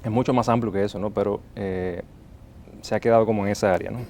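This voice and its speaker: A man's voice: on the low side, fairly even intonation, fast, darkish tone, slight background noise. A man with a Cuban accent, a molecular biologist explaining as a guest, with frequent hesitant fillers. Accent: Cuban Spanish. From Cuba. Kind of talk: interview answers.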